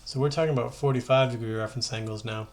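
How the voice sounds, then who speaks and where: A high school math teacher gives an informal lesson at a racing pace, his mid-range voice keeping a steady tone. He talks conversationally, thinking aloud as he works through the steps.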